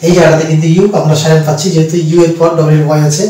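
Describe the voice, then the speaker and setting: A man teaching English pronunciation, speaking slowly and repeating words syllable by syllable as he explains. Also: a little high, little pitch movement, mellow. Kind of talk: pronunciation lesson. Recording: echoey room, mic far off.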